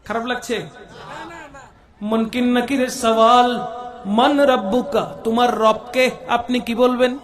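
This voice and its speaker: Man preaching a sermon, slow and drawn out, chants arabic lines, echoey loudspeaker sound. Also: very high-pitched, little pitch movement. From West Bengal, India. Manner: call-and-response with crowd, chanted Arabic phrases. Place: outdoor religious gathering. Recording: echoey public-address sound.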